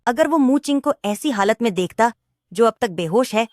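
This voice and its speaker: A woman's voice: a little high, expressive, normal speed, a little mellow, a little hiss or hum, lightly acted. A woman dubbing a harsh old grandmother who scolds her family with contempt. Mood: scornful. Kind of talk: Hindi dub of a drama.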